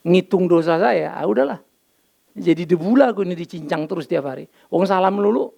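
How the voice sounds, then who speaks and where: Gravelly, animated older pastor preaching. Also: male voice, high-pitched. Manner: lively storytelling, acts out dialogue, mixes in English phrases. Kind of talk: sermon. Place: church.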